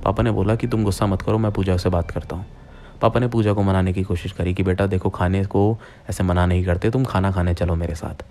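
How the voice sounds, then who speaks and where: A man's voice: low voice, fairly even intonation, fairly quick, darkish tone, slight background noise. A young man narrating a true-style horror story in the first person, speaking directly to his listeners as friends in a plain retelling voice.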